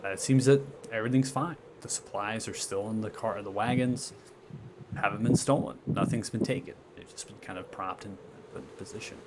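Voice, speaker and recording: A man working as game master, narrating a tabletop game in a halting, improvised way with frequent tag questions. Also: lowish voice. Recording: clear background noise.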